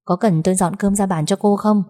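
A woman's voice: mid-range voice, steady tone, fairly quick, mellow, lightly acted. A woman voicing a polite, deferential household maid in a narrated story. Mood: worried.

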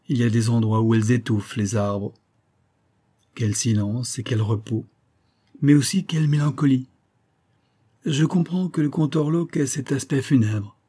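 A man reads a story aloud in the first person. His voice is husky, mellow and dark, and his delivery is measured and reflective. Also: medium pitch. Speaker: narrator.

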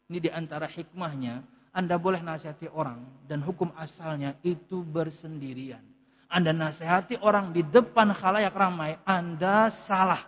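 High-voiced man lecturing in a hall. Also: a bit bright, highs cut off. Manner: explains Arabic text line by line in casual Indonesian. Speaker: ustadz teaching a kitab study. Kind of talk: religious study lecture.

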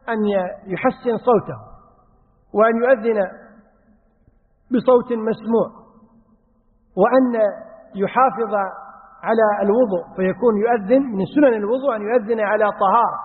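A man's voice: extremely high pitch, long reverb tail, phone-quality sound. A man teaching Islamic jurisprudence, answering questions one by one and chanting examples from the call to prayer. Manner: reads questions aloud then answers, demonstrates the call to prayer in a drawn-out chant. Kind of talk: religious Q&A lesson.

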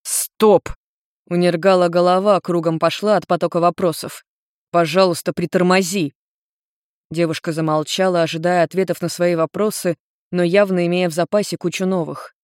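Measured male audiobook narrator. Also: sits high, flat delivery, clean tone, no echo, studio quality.

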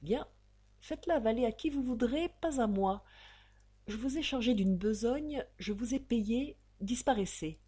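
Woman reading as a haughty old-style count, curt, low mellow voice, slow. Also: animated, slightly rough. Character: proud fallen aristocrat count, man, fevered. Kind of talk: audiobook character reading.

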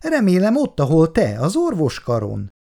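A clever, calm young daughter from a read-aloud storybook, her voice lifted moderately, as a male reader puts her on. She speaks in an easygoing, lightly teasing manner with a lively melody. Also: a little high, creaky, pitched above the performer's own voice, exaggerated voice.

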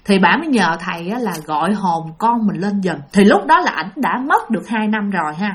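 A woman's voice: medium pitch, animated, brisk. A woman telling a ghost story in a casual, chatty way and addressing listeners directly.

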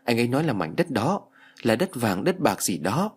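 A man's voice: mid-range voice, very animated, moderate pace, husky. A man voicing a frightened, tearful young widow in an audiobook ghost story. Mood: fearful. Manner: tearful, fearful storybook dialogue.

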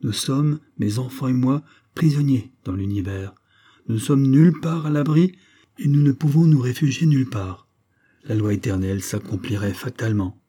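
A man's voice: medium pitch, normal speed, dark tone, husky, natural voice. A man voicing a grave, formal male secret-society master in an audiobook, speaking in a solemn, ceremonious way. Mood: fervent.

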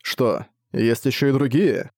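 A man's voice: medium pitch, a little slow, creaky, a little mellow, husky, no echo. A man voicing a male orc warrior who speaks in short, blunt questions, recorded dry. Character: brutal orc warrior, male, gruff and weary.

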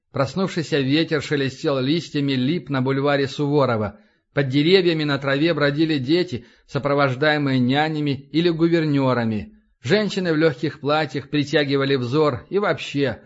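Man narrating an audiobook, lo-fi. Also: a little high. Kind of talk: audiobook narration of an action novel. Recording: dull lo-fi audiobook recording.

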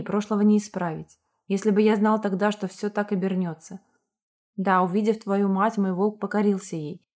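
A tender, remorseful werewolf man pleading softly in a storybook reading, as a female narrator voices him. Earnest and low-key, close to the reader's own voice. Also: natural voice.

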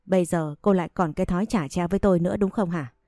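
A woman voicing a harsh, domineering older mother-in-law who hurls insults in a low, mellow voice. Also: fast talker, no echo, studio quality, lightly acted. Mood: scornful, scolding. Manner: shrill insulting scolding.

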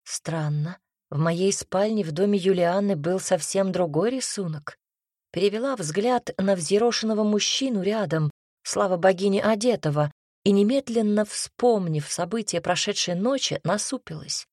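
Female audiobook narrator, lowish voice, measured wry delivery, dry close sound. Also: a little mellow, no room sound. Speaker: audiobook reader. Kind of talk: first-person fantasy audiobook narration.

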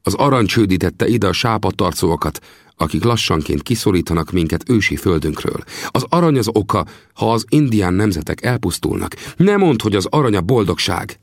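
A man's voice: on the low side, very animated, no echo, clean studio sound, voice pushed up. A man voicing a proud, earnest young male Apache chief in an audiobook, speaking solemnly and with reproach. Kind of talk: audiobook character voice.

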